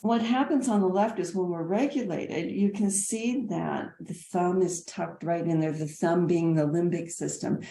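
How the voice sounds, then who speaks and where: A woman's voice: lowish voice, moderate pace, vocal fry, hardly any pauses, warm tone, roomy sound. A woman, a nursing educator, explaining slides in an earnest way and often repeating words as she goes.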